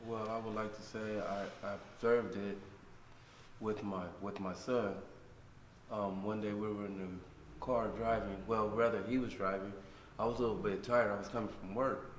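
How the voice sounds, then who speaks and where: Middle-aged man, low-pitched, earnest storyteller, distant and echoey. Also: level tone, moderate pace. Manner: earnest, plain-spoken storyteller. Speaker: guest. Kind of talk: personal testimony in an interview. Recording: distant, echoey room with faint noise.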